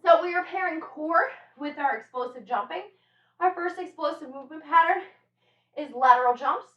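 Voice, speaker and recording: A high-pitched woman coaches a home workout with brisk, encouraging cues. She sounds energetic as she instructs and demonstrates. The recording is echoey, picked up at some distance from the microphone. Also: highs cut off.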